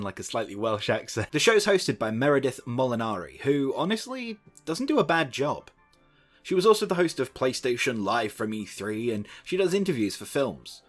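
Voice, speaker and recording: A young man narrating a scripted video essay with sardonic asides and the odd swear word. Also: mid-range voice.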